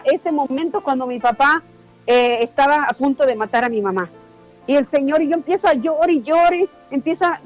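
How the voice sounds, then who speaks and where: Woman, high voice, emotional church testimony, fervent, faint music behind. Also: rough recording. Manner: fervent, emotional, repeats words. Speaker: church member giving testimony. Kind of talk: personal faith testimony to a congregation.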